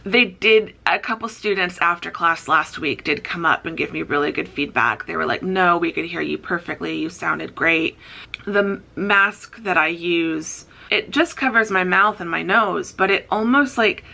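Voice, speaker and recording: A chatty woman vlogging about her day, talking to the camera in an upbeat, rambling way. Her voice sits a little low, with a gravelly fry and a bright, forceful edge. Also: moderate pace, hardly any pauses. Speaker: author and college writing teacher vlogger. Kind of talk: casual vlog chat to camera.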